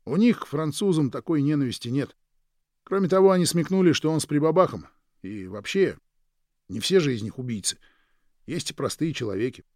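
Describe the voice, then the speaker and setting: A man voicing a worldly man who tells stories in a lively, animated way in a storybook reading. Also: a little high, a little fast, no room sound, studio quality, lightly acted.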